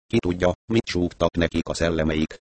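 Guy reading a cocky cynical adventurer in an audiobook, low voice, dry sound, brushing everything off. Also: dry recording, close to an everyday voice. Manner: dismissive, sarcastic. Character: brash cynical male adventurer, shrugging off blame.

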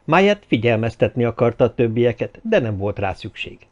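A male audiobook narrator telling a story in steady scripted narration. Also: mid-range voice, muffled recording. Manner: steady storytelling, many character voices.

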